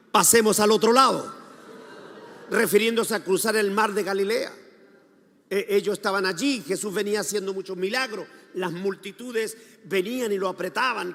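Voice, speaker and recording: Gravelly high-pitched preacher man. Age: older. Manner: preaching with calls for congregation responses; dramatic, shifting between shouts and soft asides. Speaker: pastor. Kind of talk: sermon. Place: church hall. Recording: long hall reverb.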